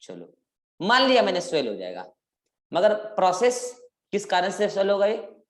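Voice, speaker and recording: A man's voice: high voice, wildly swooping pitch, moderate pace. Guy teaching a bio class, keeps quizzing the kids, stretches out words, roomy echo. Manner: quizzing, drawing out key words for emphasis. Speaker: biology teacher. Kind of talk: live interactive class lecture.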